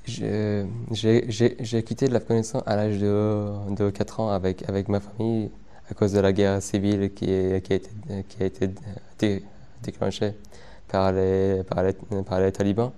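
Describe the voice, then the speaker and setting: In a testimony interview, a young Afghan man answers in a fairly low, mellow, smooth voice with flat delivery. His stutter shows in frequent repeated words and pauses.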